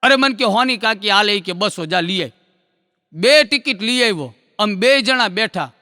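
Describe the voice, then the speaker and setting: A man telling jokes on stage, in folksy storytelling that acts out characters in quick dialogue. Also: sits high, expressive, pushed and bright, no room sound, studio quality, big-room sound. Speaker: stand-up comedian.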